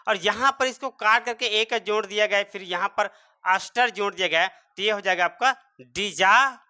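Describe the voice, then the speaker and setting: A man gives an English spelling and pronunciation lesson in classroom fashion, spelling words out one letter at a time and answering his own repeated rhetorical questions. He speaks at a normal speed in a high voice with a sharp tone.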